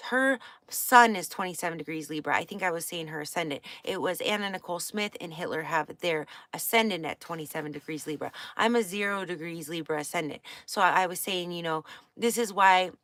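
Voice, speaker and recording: A woman's voice: on the low side, fairly quick, fairly bright tone, no room sound. A woman with a slight Pacific Northwest accent, giving a casual astrology lesson, reading from a book and commenting in a meandering way with fillers and self-corrections. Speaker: astrology teacher.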